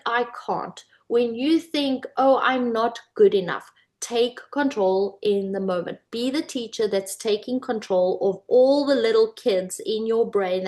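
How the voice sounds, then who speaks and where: A woman's voice: a little high, a little mellow. A woman coach teaching viewers, coaxing them with many questions and talking beside a whiteboard indoors. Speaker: manifestation coach. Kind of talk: instructional video talk.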